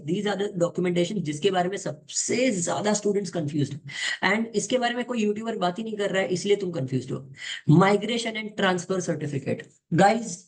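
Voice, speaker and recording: A man's voice: high-pitched, a little mellow. A young man, giving an informal, direct lesson to viewers and switching between Hindi and as he explains. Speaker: exam coaching tutor.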